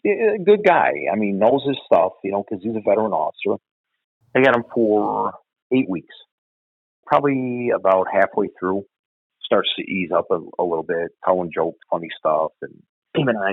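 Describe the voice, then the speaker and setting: Middle-aged man, very low gravelly voice, profane animated storytelling, tinny phone-line sound. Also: normal speed, dry recording. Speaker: retired police officer. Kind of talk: storytelling in an interview.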